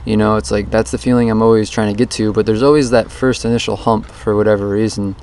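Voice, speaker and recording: A man's voice: lowish voice, steady tone, quick pace, darkish tone, smooth. A man giving a rambling, introspective audio diary in a casual way, captured as a dictaphone recording outdoors. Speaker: vlogger recording a daily challenge diary. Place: outdoors under a bridge. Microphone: handheld voice recorder. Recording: outdoor voice recorder with background noise.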